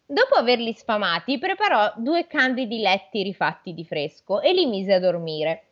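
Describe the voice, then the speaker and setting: A woman's voice: mid-range voice, lively intonation, moderate pace, highs cut off. A woman reading a fairy tale aloud in a podcast, breaking off to joke and quiz her co-host playfully.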